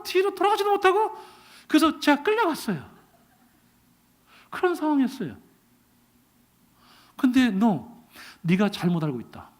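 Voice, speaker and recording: Middle-aged male pastor, storytelling sermon, plays both sides of a dialogue, very high and animated. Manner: acts out his prayers and God's replies with sharp swings in pitch and loudness. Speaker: pastor and university president. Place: church sanctuary.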